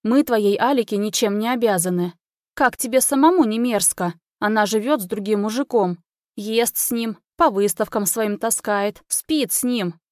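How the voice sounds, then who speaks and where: A woman's voice: fairly high pitch, moderate pace, dry recording, clean studio sound, lightly acted. Woman voicing a cold, scornful mother. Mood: harsh scorn. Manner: sharp, scornful. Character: middle-aged mother, cold and harsh.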